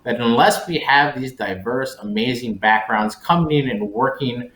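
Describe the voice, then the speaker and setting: Born in Colombia and raised in West Virginia in the United States, this man talks conversationally as a panelist. His medium-pitched voice is a bit bright at a normal speed, and the recording sounds roomy and echoey.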